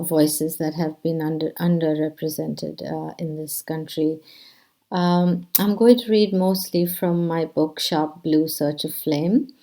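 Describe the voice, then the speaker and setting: Soft, slow, low-voiced woman poet. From India. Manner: soft-spoken, hesitant with many fillers. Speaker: poet and teacher. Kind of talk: introducing a poetry reading.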